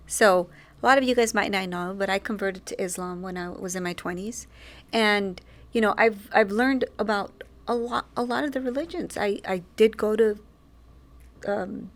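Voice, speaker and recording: A woman co-hosting a podcast, talking in an animated, provocative way. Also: medium pitch. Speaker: podcast co-host. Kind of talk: casual discussion.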